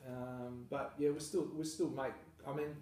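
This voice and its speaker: Australian male farmer, relaxed self-deprecating interviewee, distant mic in a very echoey space. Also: medium pitch, moderate pace. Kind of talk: casual interview. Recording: echoey room, mic far off, faint noise.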